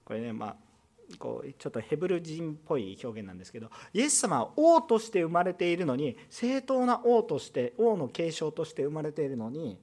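Lively man preaching a conversational sermon. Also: fairly high pitch, brisk. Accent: Kansai Japanese. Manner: lively, conversational preaching with rhetorical questions and asides. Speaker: pastor. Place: church.

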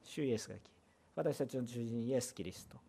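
A pastor preaching a sermon in an emphatic way, with loud bursts and rhetorical questions. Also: medium pitch, brisk, gravelly, slightly rough.

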